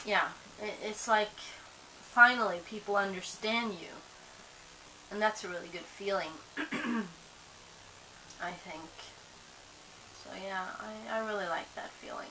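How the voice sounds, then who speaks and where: Speaking to her camera, this young vlogger, a native Swedish speaker, wanders through her thoughts with lots of fillers and false starts, a bit drowsy. Her voice is mid-range, bright and forceful. Audio quality is low, with faint hiss.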